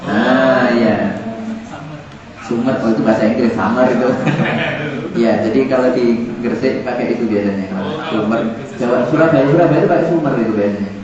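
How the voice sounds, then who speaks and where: A man's voice: medium pitch, normal speed, pauses often, a crowd in the background. Man teaching Arabic vocabulary, repeats words and jokes, recorded far off in an echoey hall with a class behind. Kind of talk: classroom lesson. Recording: echoey, distant, dull room recording with students. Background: class of students.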